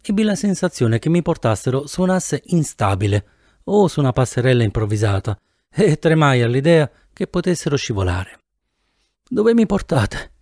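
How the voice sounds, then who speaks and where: A man reading a novel aloud in the first person with an animated, theatrical delivery, close to the mic. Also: medium pitch, normal speed, no room sound. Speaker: audiobook narrator. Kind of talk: expressive audiobook narration.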